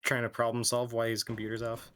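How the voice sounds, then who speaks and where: A man's voice: mid-range voice, completely flat delivery, quick pace, a bit bright, slight background noise. A man streaming a game, chatting casually and adding dry, amused remarks. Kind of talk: casual gaming stream chat.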